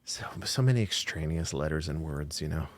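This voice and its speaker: A man's voice: extremely low pitch, expressive, fairly quick, dry recording. A man co-hosting a casual podcast about a video game, laid-back and a little hesitant, often repeating words as he thinks. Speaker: podcast co-host.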